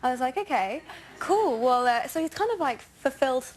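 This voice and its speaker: A woman's voice: high-pitched, animated, fast talker, slight background noise. A woman with an English accent, chatting and giggling as a guest in a talk show interview. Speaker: guest actress.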